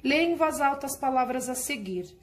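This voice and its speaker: A woman's voice: high voice, animated, moderate pace. A woman teacher walking her class through a workbook lesson in a patient, explanatory way, checking in with her students often.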